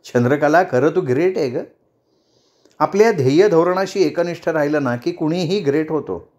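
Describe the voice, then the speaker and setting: A man voicing a sharp-tongued middle-aged woman friend in a storybook reading, with a teasing, scolding manner. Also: fairly high pitch, moderate pace, close to an everyday voice.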